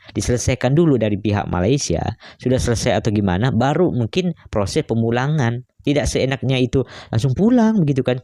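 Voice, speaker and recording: A man's voice: mid-range voice, warm tone, dry recording, clean studio sound. A man hosting a reaction video, chatting casually, peppering every thought with "guys, ya" and hesitant fillers. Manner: keeps adding "guys, ya" tags and fillers; musing, hesitant.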